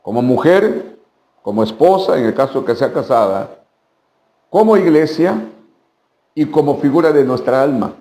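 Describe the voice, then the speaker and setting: A man's voice: mid-range voice, animated, moderate pace, long pauses, dark tone, roomy sound. A man with a Mexican Spanish accent preaching a midweek sermon as pastor, asking rhetorical questions and repeating phrases for emphasis.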